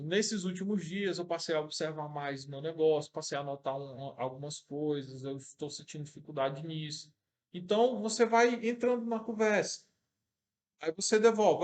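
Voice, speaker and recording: Man teaching sales, casual and chatty. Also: on the high side. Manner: acts out short customer dialogues with many fillers. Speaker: sales trainer. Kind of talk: casual instructional talk.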